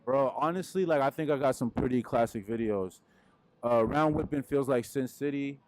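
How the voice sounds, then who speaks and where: Poor audio with no echo captures a young male musician from Peru speaking at a moderate pace and mid pitch into a handheld mic. Indoors against a wooden wall, he answers interview questions in a relaxed, rambling way, using lots of fillers.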